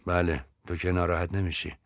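Guy doing a breezy teasing young man, super low dry voice. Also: level tone, dry recording, close to an everyday voice. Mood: offhand.

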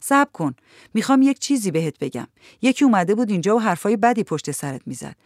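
A woman's voice: medium pitch, sing-song, darkish tone, no echo, studio quality. A woman reading an audiobook voices a worried, stern working mother who speaks urgently and in confidence. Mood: urgent, confiding.

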